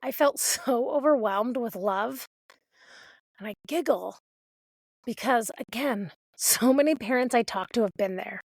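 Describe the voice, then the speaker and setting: A woman's voice: a little high, a little slow, no room sound. A woman hosting a podcast, a parent of a toddler doing a sardonic comedic monologue and swearing freely. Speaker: podcast host.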